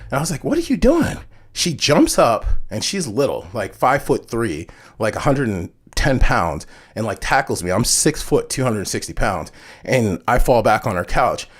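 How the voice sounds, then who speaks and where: A man's voice: mid-range voice, lively intonation, fairly quick. A man hosting a vlog, telling candid personal stories in a frank, profane way with lots of "like". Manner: frank, profane, heavy use of "like". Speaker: vlog host. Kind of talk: candid storytelling monologue.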